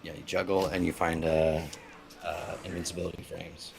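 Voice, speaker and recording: A man's voice: deep voice, little pitch movement, moderate pace, gravelly, a crowd in the background. A man calling in to chat and debate, talking hesitantly with many fillers and a dry manner. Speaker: caller. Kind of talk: casual call-in chat and debate.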